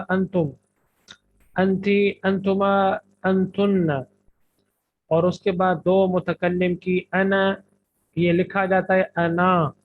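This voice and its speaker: High-voiced Urdu-accented man teaching, tinny audio. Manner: methodical, drills word lists slowly with translations. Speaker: Arabic grammar teacher. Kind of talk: recorded classroom lecture.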